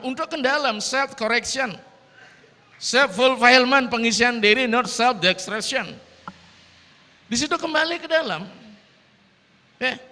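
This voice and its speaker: Here a Sulawesi-accented priest, male, with a bright and high-pitched voice, gives an energetic dharma talk sermon mixed with bits of English. The setting is a large temple hall during a gathering, and the recording has the long reverb of that hall.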